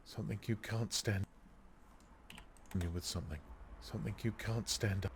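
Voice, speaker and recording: A man reading the part of a quiet, weary young woman in an audiobook, with a soft, hushed delivery. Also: lowish voice, moderate pace, breathy edge.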